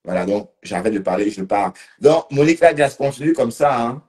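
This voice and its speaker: A man's voice: medium pitch, lively intonation, a little fast, darkish tone. A man a bit tipsy, rambling casually on a live stream and talking to commenters by name. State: slightly tipsy.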